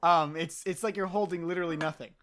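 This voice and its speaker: A woman with a lowish voice narrates a tabletop game as game master. She rambles, filling her descriptions with ums and uhs. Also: steady tone, fast talker, fairly bright tone. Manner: rambling, full of ums and uhs, laughs easily.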